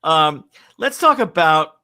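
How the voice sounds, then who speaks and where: Halting man hosting over video call. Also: fairly high pitch, very animated, pushed and bright. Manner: halting, many fillers and restarts. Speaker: host. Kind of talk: conversational interview.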